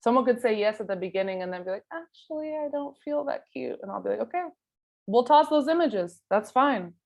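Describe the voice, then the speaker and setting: In a slightly high, creaky and somewhat mellow voice, a woman talks briskly with lively intonation. She's a guest photographer at an artist talk, responding casually to interview questions in Spanish, which isn't her native language. She thinks aloud and keeps saying "like" and "you know."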